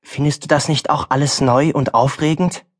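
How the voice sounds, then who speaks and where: A man's voice: fairly high pitch, steady tone, normal speed, natural voice. A male audiobook narrator voicing a farm boy's stern, wise mother, speaking firmly and earnestly. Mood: gentle. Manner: firm, earnest, then softer.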